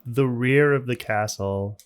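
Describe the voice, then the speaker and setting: A man's voice: medium pitch, slow pace, smooth. A man acting as game master, improvising scene narration for a tabletop role-playing game in a conversational way. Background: background music.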